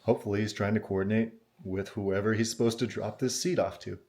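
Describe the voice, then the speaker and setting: A man with a somewhat low voice talks casually as a vlogger sharing a personal story. His manner is conversational and puzzled, as if putting the situation to the listener for an opinion. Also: steady tone, brisk, darkish tone. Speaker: vlogger telling an anecdote.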